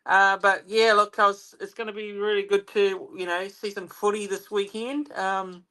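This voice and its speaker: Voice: medium pitch, flat delivery, moderate pace, sharp tone, smooth, poor audio. A co-host in a casual sports podcast, easygoing with short replies.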